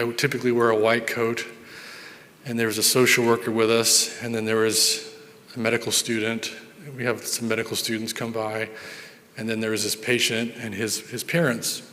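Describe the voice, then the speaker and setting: A man's voice: mid-range voice, fairly bright tone. A man, a physician, telling patient stories in an earnest conference talk, often repeating words as he thinks. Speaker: neurologist giving a conference talk. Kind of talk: storytelling conference presentation. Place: large conference hall. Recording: reverberant hall sound.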